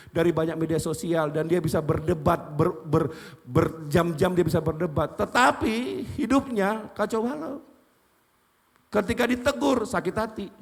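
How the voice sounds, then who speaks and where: A man preaching, his voice sitting high for a man. He drives his points home by firing questions and answering them himself. A long church reverb trails behind every phrase. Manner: emphatic, asks and answers his own questions. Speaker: pastor. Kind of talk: sermon. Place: church sanctuary.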